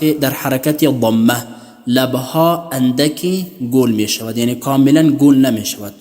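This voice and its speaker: A man's voice: mid-range voice, a little mellow, long reverb tail. A man teaching a Quran reading lesson, who explains patiently and then chants syllable drills. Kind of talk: recorded tutorial lesson.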